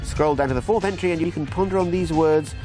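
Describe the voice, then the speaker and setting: A man's voice: a little high, fast talker, over music. A middle-aged man presenting a TV documentary outdoors, talking to camera with wry, jokey asides. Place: outdoors by a brick building, sitting with a laptop.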